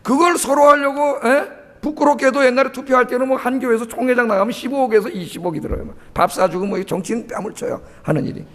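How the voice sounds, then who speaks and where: A middle-aged man preaches from the pulpit with a voice pitched well above most men. He presses his points hard and keeps throwing questions back at the congregation. The sound carries a long church-hall reverb. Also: fast talker, a bit bright. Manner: emphatic, keeps asking the congregation rhetorical questions and prompting "eh?". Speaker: pastor. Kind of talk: sermon. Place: church sanctuary.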